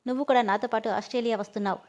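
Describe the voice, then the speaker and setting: A man's voice: high-pitched, steady tone, racing, close to an everyday voice. A woman voicing a stubborn young male boss who speaks firmly and insistently. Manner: firm, insistent. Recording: dull lo-fi audio.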